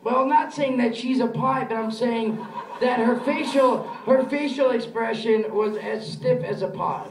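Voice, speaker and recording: A man's voice: very high-pitched, unhurried, a crowd in the background. A man rambling through a story on a live comedy podcast, giggling and acting out what others said. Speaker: podcast co-host. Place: live stage before an audience. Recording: roomy and distant live-stage sound.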